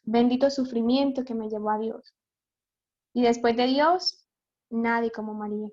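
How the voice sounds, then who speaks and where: A woman's voice: a little high, moderate pace, a little mellow. Earnest prayerful woman, lo-fi. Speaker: youth group talk speaker. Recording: dull lo-fi audio.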